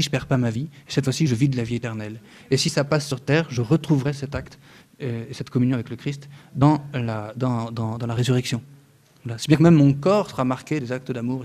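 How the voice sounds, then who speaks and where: A man in his thirties gives an earnest spoken religious teaching to an audience, at an ordinary middle pitch for a man, his volume rising and falling as he presses his points. He often stumbles on fillers and restarts, adding dry touches of humor.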